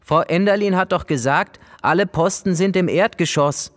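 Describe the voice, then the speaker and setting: Brief: matter-of-fact cautious schoolboy, male reader, mildly raised pitch. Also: moderate pace, close to an everyday voice. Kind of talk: storybook character voice.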